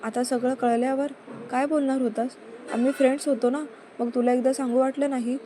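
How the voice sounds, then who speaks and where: A woman reading the part of a hurt young woman friend, annoyed but calm. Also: sits high, brisk, slight background noise, natural voice. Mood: reproachful.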